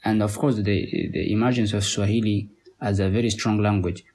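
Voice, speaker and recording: Husky, low-voiced man with a Somali accent. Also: fairly even intonation, darkish tone. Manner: halting, many pauses and repeated words. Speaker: podcast guest. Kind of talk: conversational interview.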